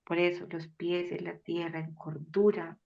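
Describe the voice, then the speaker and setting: A woman appears as a guest speaker on a faith-based podcast conversation, her somewhat low voice gravelly and a little slow. She is animated and expressive, slipping into quoted voices with sudden loud exclamations, and the audio is dull and lo-fi.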